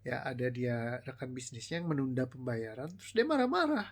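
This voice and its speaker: A man with a middle-range voice coaches his audience in a relaxed, live motivational talk. He tells stories conversationally and slips into slang and the odd English phrase. When he acts out what other people said, his pitch jumps. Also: a little fast. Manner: conversational, storytelling, mixes slang and English words; animated, voices quoted people with rising pitch. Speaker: life coach.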